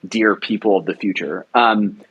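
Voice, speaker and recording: A young writer-director enthusiastically rambles about his audio drama production during a casual interview, using plenty of fillers. His lowish voice is fairly bright with a breathy edge, delivered at normal speed, though the audio is dull.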